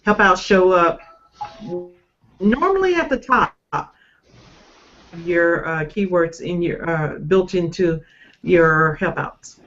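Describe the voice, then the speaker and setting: Slow, halting speaker on a lo-fi call. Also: medium pitch, lively intonation, a bit bright, slight background noise. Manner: halting, with pauses and fillers. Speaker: caller sharing experience. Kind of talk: casual video call chat. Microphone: video call. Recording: dull lo-fi video call audio.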